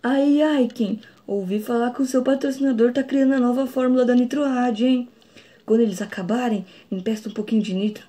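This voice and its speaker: A woman's voice: on the high side, fairly quick, mellow, lightly acted. A woman voicing a cheeky male racing car, teasing fellow racers with familiar banter in a toy cartoon story. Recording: noisy home recording with clicks.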